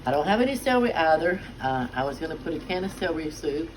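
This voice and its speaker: A woman's voice: low-pitched, sing-song, fast. Mama type, middle-aged, chatty home cook, lots of uhs, noisy kitchen behind her. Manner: chatty, homey, many "uh" fillers. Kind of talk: casual cooking demonstration.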